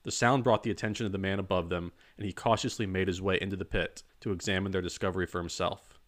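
A man narrating a dark crime story in a measured, even storytelling manner. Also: low-pitched. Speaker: audiobook narrator. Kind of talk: scripted narration.

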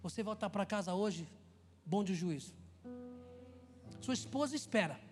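A pastor from Brazil preaching a lively sermon, telling jokey stories and rising to shouted calls. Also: male voice, high-pitched, unhurried, breathy edge, long reverb tail, soft background music. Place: church.

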